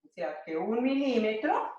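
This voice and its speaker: High-voiced teacher in an echoey room. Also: female voice, expressive, darkish tone. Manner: slow, repetitive, checks with "¿cierto?". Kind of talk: remote math lesson for children. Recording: echoey dull home recording.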